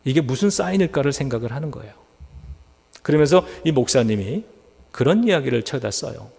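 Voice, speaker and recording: A man's voice: medium pitch, expressive, a little fast, creaky, a little mellow, breathy edge. A man preaching a sermon as a pastor, telling a story and acting out the voices of the people in it. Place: church sanctuary. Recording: church hall reverb.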